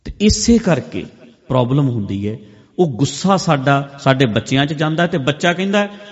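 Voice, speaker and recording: A man's voice: fairly high pitch, lively intonation, normal speed. Man preaching in a reverberant hall. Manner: repetitive, emphatic phrasing with big swings in loudness. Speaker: speaker at a meditation camp. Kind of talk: sermon-style talk to a camp audience. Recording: long hall reverb, dull lo-fi sound.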